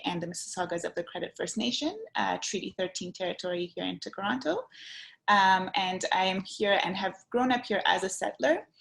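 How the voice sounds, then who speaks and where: Woman panelist from Iran, gravelly tone, thoughtful and hesitant, video call mic. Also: mid-range voice, a bit bright. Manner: thoughtful, with frequent um and uh. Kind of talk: webinar presentation. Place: home in Toronto, video call.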